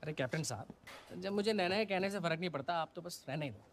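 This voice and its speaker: A man dubbing a film role as a defensive contractor who argues back quickly. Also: a little high, expressive, a little hiss or hum. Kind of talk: Hindi film dub.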